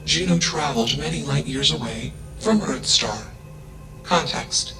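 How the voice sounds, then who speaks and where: A man voicing a curious, self-aware artificial intelligence in a video game. He speaks in a flat, emotionless way and announces a label before each statement. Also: mid-range voice, measured pace. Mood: flat, robotic. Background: game music.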